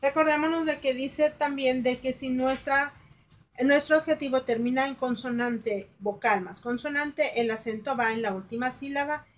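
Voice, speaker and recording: A woman teacher explaining English grammar rules in Spanish, reading example sentences slowly and translating them, with fillers and self-corrections. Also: sits high. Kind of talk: recorded grammar lesson.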